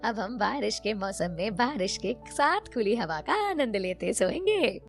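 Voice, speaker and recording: A woman voicing a bossy, thrifty middle-aged mother-in-law in a cartoon story, who gives commands in a lower voice. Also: sing-song, unhurried, vocal fry, faint music behind. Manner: commanding, scheming.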